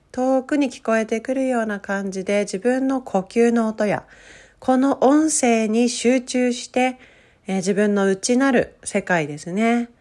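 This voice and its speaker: A woman coach leading a guided breathing meditation in a soothing, gentle manner with drawn-out instructions. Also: a little high.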